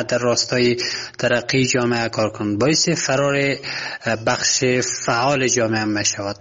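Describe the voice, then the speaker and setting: Male caller, Afghan accent, medium pitch, halting short phrases, unscripted, lo-fi sound. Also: a bit bright. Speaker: radio caller. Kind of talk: spontaneous spoken opinion. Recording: dull, lo-fi sound.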